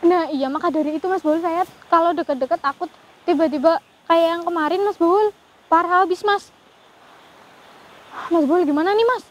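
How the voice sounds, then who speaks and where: A woman's voice: very high voice, normal speed, long pauses, rough recording. A woman hosting a ghost-hunting vlog, speaking fearfully and murmuring prayers as she goes. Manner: fearful, praying aloud often. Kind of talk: live paranormal investigation vlog.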